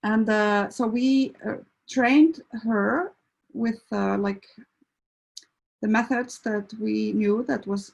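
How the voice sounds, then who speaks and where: A woman's voice: mid-range voice, creaky, husky, low-quality recording. A middle-aged woman from Iceland, a veterinarian giving a hesitant, casual introductory talk full of fillers. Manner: hesitant, many fillers and restarts. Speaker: veterinarian and behavior counselor.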